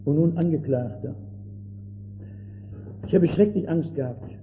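An older man preaching a sermon with fervor, swinging between loud outbursts and hushed words. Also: fairly high pitch, unhurried, faint music behind. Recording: tinny old lo-fi recording with faint hiss.

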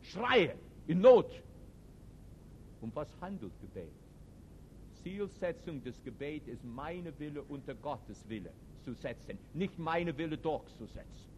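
Emphatic preacher with a lively, high-leaning voice. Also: male voice, a little slow, a little hiss or hum. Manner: emphatic, swings between loud outbursts and quiet reflection; non-native German grammar. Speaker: preacher and teacher. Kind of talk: sermon to a live audience.

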